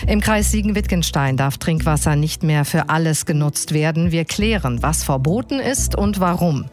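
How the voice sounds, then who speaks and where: A woman presenting a radio news show from a studio, in a clear, measured news-reading manner. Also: low-pitched, animated, a little mellow, soft background music.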